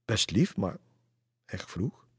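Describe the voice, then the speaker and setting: A man voicing a dreamy, curious young schoolgirl in a high, wondering voice while reading a storybook aloud. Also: sing-song, slow, husky, no echo, studio quality, heavily acted.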